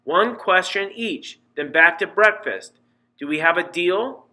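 A worried middle-aged mother from an audiobook, pressing hard and insisting, as a man reads her in a slightly raised voice. Her tone is bright and edged, pushing each point home. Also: high-pitched, animated, unhurried, pitched above the performer's own voice, heavily acted, low-quality recording. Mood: firm, motherly. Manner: pleading, insistent.

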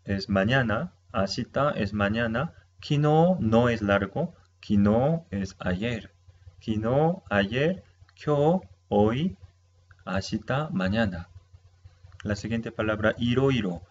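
A man teaching a slow, patient language lesson, with Japanese as his first language. His voice sits on the low side, and he repeats each word and checks in with the listener. The recording is a little dull and carries a faint hiss of room noise.

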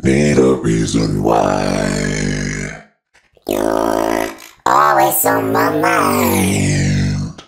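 A woman's sung vocal sample, formant and pitch shifted far down into a deep, gravelly monster voice. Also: very slow, over loud music. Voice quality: gravelly, glitchy, buzzing.

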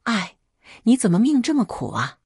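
A woman's voice: on the low side, very animated, moderate pace, a little mellow, breathy edge, no echo, clean studio sound. A woman reading the lines of a sorrowful, coaxing middle-aged mother in a spoken story.

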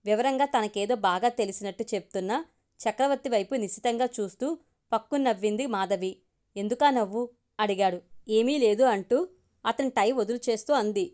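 A woman storyteller reading a family story aloud in a steady, even way. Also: on the high side, brisk.

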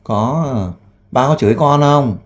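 A man who works as a volunteer interviewer. He asks gentle, coaxing questions and makes an earnest appeal with frequent fillers. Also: medium pitch, measured pace. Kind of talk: on-the-spot interview and appeal to camera.

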